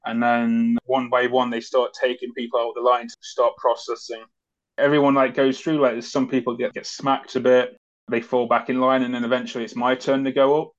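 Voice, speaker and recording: A man's voice: mid-range voice, flat delivery, fairly quick. A man, a former soldier, recounting events as an interview guest in a loose, conversational way with many fillers. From Britain. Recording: dull lo-fi audio.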